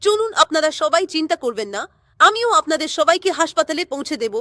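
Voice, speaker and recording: A woman voicing a hurried male ambulance driver in a doll story, who talks politely and keeps apologizing. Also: high voice, sing-song, pushed and bright, dry recording, studio quality, heavily acted. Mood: reassuring.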